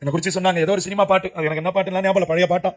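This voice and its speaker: A man's voice: high-pitched, flat delivery, racing. A man preaching an emotional testimony sermon, speaking with urgency and crying out to young listeners. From Puducherry, India. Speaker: preacher giving his testimony.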